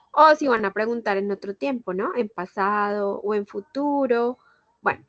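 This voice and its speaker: A woman's voice: medium pitch, no room sound. A woman English teacher explaining step by step in an online class, giving examples in Spanish and English. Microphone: video call. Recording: dull lo-fi video call audio.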